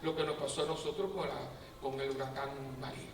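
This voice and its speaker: Animated priest in an echoey hall. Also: male voice, mid-range voice, quick pace. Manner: animated storyteller, acts out quotes with humor. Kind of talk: lively preaching talk to a prayer group. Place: parish prayer assembly hall. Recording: echoey hall, distant mic, faint noise.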